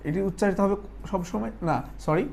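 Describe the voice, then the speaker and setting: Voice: mid-range voice, brisk, gravelly, a little mellow, a little hiss or hum. A Quran recitation teacher giving an online lesson, patiently explaining step by step, asking questions and then answering them and repeating points for drilling.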